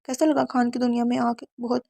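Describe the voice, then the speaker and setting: A cruel, domineering young husband, voiced by a woman reading a storybook, barks harsh commands. The voice is gravelly and a little high, with a flat, level delivery. The sound is dry and close. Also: brisk, no room sound.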